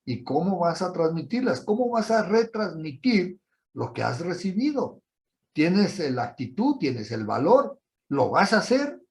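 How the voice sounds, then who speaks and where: A man's voice: high-pitched, sing-song, a little slow. A man preaching a sermon, telling a personal story and then asking listeners emphatic rhetorical questions.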